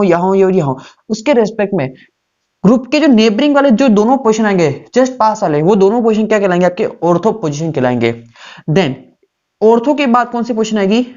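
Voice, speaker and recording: A man's voice: high-pitched, darkish tone. A male teacher walks through a lesson, firing a question at his students and then answering it himself. He repeats each key term so it sticks. The recording is dull and lo-fi, with the top end muffled. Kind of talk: classroom lecture.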